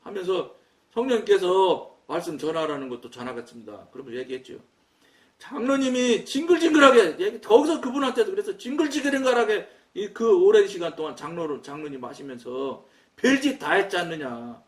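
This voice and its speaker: A man preaching a sermon, telling a story in an animated, loud way and acting out his own quoted words. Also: high-pitched, fairly quick. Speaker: pastor. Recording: echoey room, mic at a distance.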